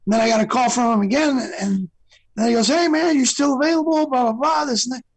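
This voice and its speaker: A man's voice: very high-pitched, fast, breathy edge, no room sound, rough recording. A man guest on an interview show, chatting casually and rambling through stories with lots of fillers. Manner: rambling storyteller, many fillers. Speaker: guest singer.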